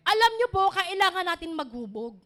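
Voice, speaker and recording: A middle-aged woman pastor, preaching an animated sermon built on personal stories. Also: very high voice, a little fast.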